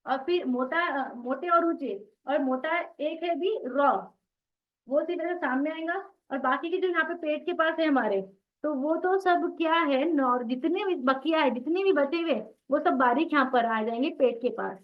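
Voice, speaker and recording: Woman, high voice, online class teacher, drills sounds, asks questions, dull lo-fi audio. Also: a little slow. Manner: explains patiently, repeats sounds many times for practice; asks the class questions then answers them. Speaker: Tajweed teacher. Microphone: video call.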